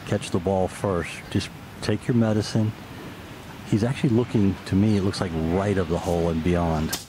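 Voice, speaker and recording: A man with a deep voice provides live golf commentary. He sounds like an analyst, instructive about each shot, with clear outdoor background noise under him. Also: steady tone, moderate pace. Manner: instructive, reads slopes and shots. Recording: noisy outdoor broadcast ambience.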